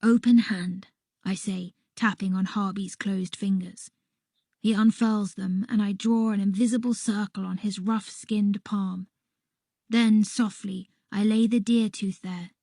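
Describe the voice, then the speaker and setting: A woman reading a first-person children's story aloud in a soft, unhurried voice that sometimes drops to a whisper. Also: medium pitch, steady tone, dry recording, studio quality. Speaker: audiobook reader.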